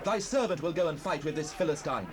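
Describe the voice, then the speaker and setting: Male actor as brave shepherd youth, high voice, swooping earnest declamation, Bible audio drama. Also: expressive, quick pace, crowd noise, close to an everyday voice. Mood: fervent, confident. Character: bold, indignant young shepherd youth, male, full of faith. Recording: faintly noisy cassette rip.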